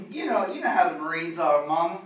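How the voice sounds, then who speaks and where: A man acting as a reserved, dutiful young Marine son in a school play, giving quiet polite replies. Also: high-pitched, animated, normal speed, echoey room, far from the mic, slight background noise, rough recording.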